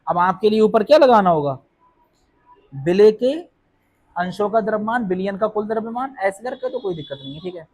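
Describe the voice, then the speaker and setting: A male chemistry teacher with a Hindi accent lectures a class in a high-pitched, expressive, slightly mellow voice at a fairly quick pace. He keeps posing questions and answering them himself, reassuring students that it isn't hard.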